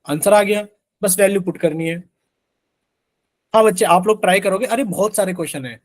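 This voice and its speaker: A man teaching a live online math class in a fairly high voice. The sound is dry and close, as if into a headset on a call. He keeps quizzing his students and answers for them in their voice. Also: brisk, no echo. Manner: asks students questions constantly, voices their replies as "sir".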